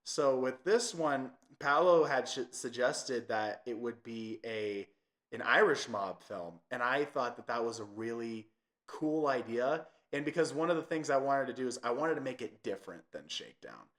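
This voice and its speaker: A man's voice: mid-range voice, expressive, normal speed, fairly bright tone. A young man hosting a podcast, chatting casually with lots of fillers. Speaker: podcast host. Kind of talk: casual chat.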